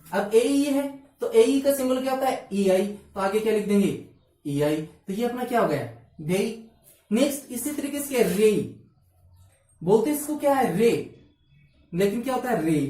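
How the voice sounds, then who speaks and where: A woman's voice: fairly high pitch, mellow. A woman teaching an exam-prep phonetics lesson, drilling students by asking questions and answering them herself. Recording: echoey room, distant mic.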